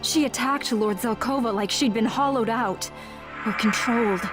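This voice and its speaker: An actress with a fairly high voice, at normal speed and with a natural sound, plays an earnest young guild member who formally and politely begs for help. The mood is urgent, and music plays beneath this game cutscene.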